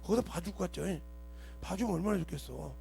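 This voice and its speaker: A male pastor giving a fiery, scolding sermon full of rhetorical questions, often bursting into shouts, in a church. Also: high-pitched, animated, quick pace, vocal fry, slightly rough, soft background music. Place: church sanctuary.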